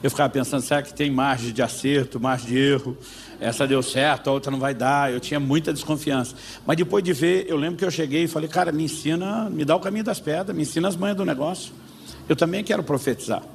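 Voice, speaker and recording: A man's voice: fairly high pitch, quick pace, creaky, a little hiss or hum. A man with a Brazilian Portuguese accent preaching, telling a personal story and acting out both sides of a conversation. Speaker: pastor. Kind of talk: sermon storytelling.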